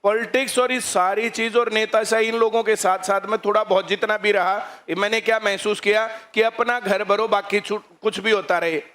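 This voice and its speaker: A man's voice: sits high, steady tone, normal speed, few pauses, a bit bright. A man teaching at a coaching centre, lecturing students on current affairs and firing rhetorical questions at them.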